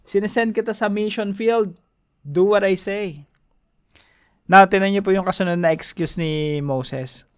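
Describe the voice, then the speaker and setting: A man from the Philippines giving a casual devotional talk, animated and chuckling between points, switching between Tagalog and English. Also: sits high, a little slow, clean tone, no room sound, studio quality. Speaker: devotion preacher.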